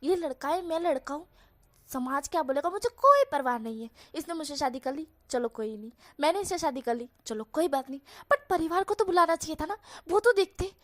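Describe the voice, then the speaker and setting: A woman's voice: high voice, expressive, fairly quick. A woman voicing a sassy, dramatic young man who scolds and complains in exaggerated bursts. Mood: indignant. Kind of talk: storybook voice acting.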